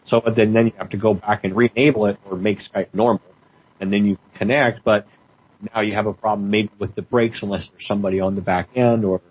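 A man chatting casually on a radio show over an internet call, rambling and halting with many restarts, his voice heavily compressed and pumping. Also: fairly low pitch, fairly even intonation, a little mellow, husky. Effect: heavily compressed, pumping call audio. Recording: dull, muffled call line with faint noise.

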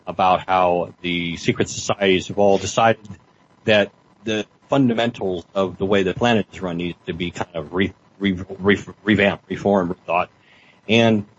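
A man chatting casually on a radio show over an internet call, rambling and halting with many restarts, his voice heavily compressed and pumping. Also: fairly low pitch. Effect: heavily compressed, pumping call audio. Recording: dull, muffled call line with faint noise.

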